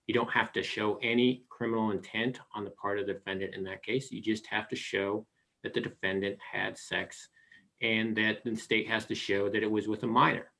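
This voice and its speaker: Low-voiced American man arguing formally. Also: flat delivery, moderate pace, vocal fry, bright, forceful tone, poor audio. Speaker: defense appellate attorney. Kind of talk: formal oral legal argument.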